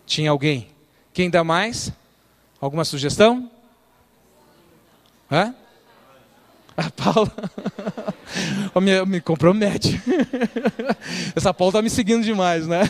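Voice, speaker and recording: A middle-aged man preaching in a church, telling lively stories, quoting people and quizzing his listeners. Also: high-pitched, slow, long pauses. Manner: lively storyteller, quotes people and quizzes the audience. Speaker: church speaker. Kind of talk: storytelling sermon. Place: church hall.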